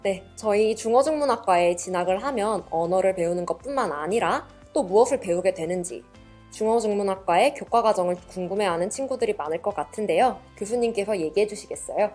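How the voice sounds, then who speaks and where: Young female student interviewer, middle-pitched voice. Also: lively intonation, brisk, darkish tone, soft background music. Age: young adult. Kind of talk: polite scripted interview hosting.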